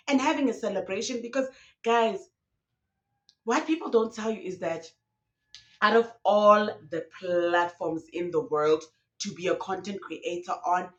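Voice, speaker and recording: A young South African woman YouTuber rants passionately in casual commentary, dropping in local slang. Her voice sits in the mid-range, and the recording has a roomy sound from her being alone in a room.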